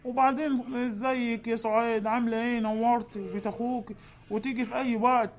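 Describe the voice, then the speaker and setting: A woman's voice: on the high side, level tone, fast talker, voice pushed down, lightly acted. A woman voicing a grown husband who keeps the peace, soothing and reasoning with an Egyptian accent. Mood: placating. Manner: soothing, reasoning, calls people darling. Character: husband Hussein, grown man, placating peacemaker.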